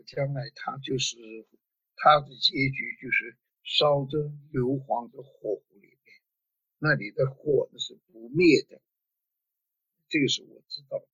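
A man preaching a sermon on scripture, talking in a halting way with many fillers and rhetorical questions. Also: medium pitch, a bit bright, slightly rough, no echo. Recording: dull lo-fi sound.

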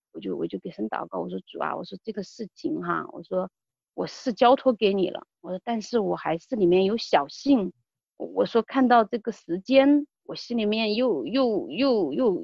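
A woman giving an earnest personal testimony, halting often and restarting her words. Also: medium pitch, vocal fry, no room sound, muffled recording. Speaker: testimony giver.

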